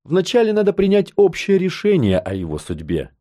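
A man reading an audiobook, voicing a calm, composed male mentor. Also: sits high, a little fast, pitched above the performer's own voice. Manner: calm, unflappable.

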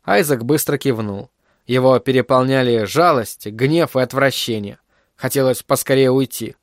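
Steady male audiobook narrator. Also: medium pitch, normal speed, no room sound, clean studio sound. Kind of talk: scripted narration.

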